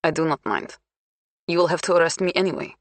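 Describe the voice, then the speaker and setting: A woman's voice: sits low, fast, dry recording. Woman doing a blunt, defiant female suspect. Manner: clipped, broken English, flat and curt.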